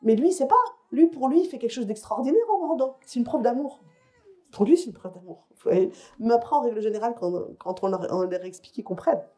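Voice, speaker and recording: A woman's voice: on the high side, quick pace, warm tone. A woman psychologist giving a conference lecture to parents. She explains in a conversational way and often checks in with her listeners. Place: lecture hall or conference room.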